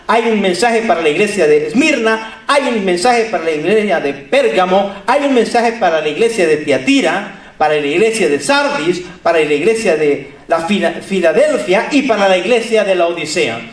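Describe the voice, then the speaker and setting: High-voiced emphatic man preaching, roomy echo. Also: animated, moderate pace. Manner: emphatic, repeats phrases, addresses listeners directly. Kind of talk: sermon.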